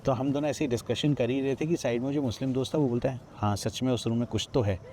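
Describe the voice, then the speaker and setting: A man from Odisha recounts his own ghost story as a podcast guest, acting out the other people's lines as he goes. His voice is mellow and mid-pitched. A faint outdoor hum sits behind him. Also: fairly even intonation, fast talker. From Odisha, India. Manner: narrates with many quoted lines of dialogue, frequent restarts. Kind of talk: retelling a personal ghost story. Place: outdoors at a riverside ghat.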